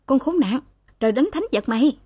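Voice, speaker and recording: A woman's voice: sits high, animated, brisk, warm tone, dry recording, voice pushed up. A woman voicing a sturdy, furious office woman who hisses curses and scolds. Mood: furious cursing. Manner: hissing, scolding.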